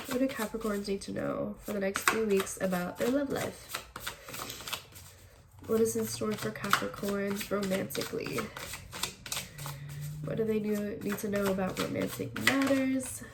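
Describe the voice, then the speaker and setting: Congested and sniffling, a female tarot reader chats casually to her channel's viewers during a reading, thinking aloud and saying "all right" again and again. Her mid-range voice is unhurried, with long pauses, and heavy background noise surrounds it.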